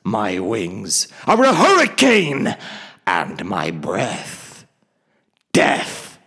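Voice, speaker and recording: A man voicing an ancient, huge, boastful male dragon in an audiobook reading, slow and grandiose, swelling to sudden booming lines. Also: wildly swooping pitch, pushed and bright, slightly rough, long reverb tail, heavily acted.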